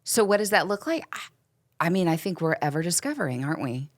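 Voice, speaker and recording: A woman's voice: lowish voice, sing-song, fairly quick. A middle-aged woman co-hosting a casual faith podcast, chatting in a playful, teasing and sarcastic way. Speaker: podcast co-host.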